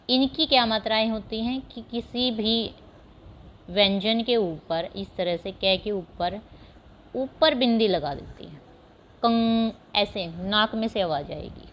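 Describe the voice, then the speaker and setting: A woman teaching young children Hindi vowel signs, patiently explaining step by step and sounding out words slowly. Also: medium pitch, highs cut off, a little hiss or hum. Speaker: primary school teacher. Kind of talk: Hindi phonics lesson over slides.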